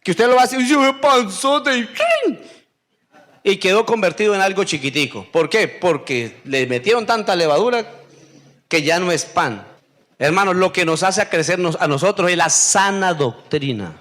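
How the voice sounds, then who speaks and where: A man preaches a sermon in a fairly high voice. He keeps throwing questions to the congregation and drags out the answers himself. Now and then he mimics whiny voices in a sharp squeak. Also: animated. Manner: call-and-response questioning, drawn-out answers. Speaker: pastor.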